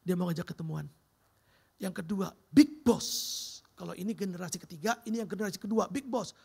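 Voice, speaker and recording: A middle-aged man preaching a sermon in a church and telling his own testimony in a lively storytelling way, often calling the audience "Bro". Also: high voice, fairly quick, vocal fry, husky. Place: church sanctuary.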